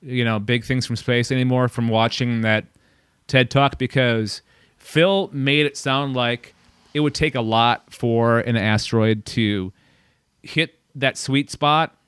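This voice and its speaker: A man's voice: mid-range voice, fairly even intonation, takes it slowly, fairly bright tone, clear, resonant tone, no echo, studio quality. A man hosting a podcast in casual chat, loose and self-deprecating, short of breath. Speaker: podcast host.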